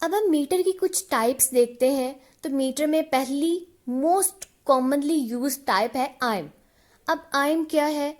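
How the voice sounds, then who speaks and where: A woman's voice: high-pitched, a little mellow. A woman explaining literature lessons in Hindi with English terms, patient and checking in with her students often. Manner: reads English definitions slowly and deliberately.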